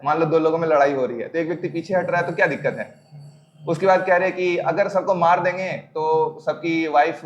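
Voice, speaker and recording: A man's voice: on the high side, dull audio, a little hiss or hum. A man giving a spiritual talk to a youth group, speaking in a conversational way, mixing in English words and asking the crowd questions. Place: gathering with a crowd present. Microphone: microphone on a sound system.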